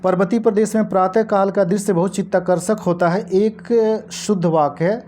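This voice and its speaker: A woman teaching an exam-prep lesson, explaining answers to past-paper questions and repeating key words slowly for her viewers. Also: mid-range voice, steady tone, dark tone, a little hiss or hum.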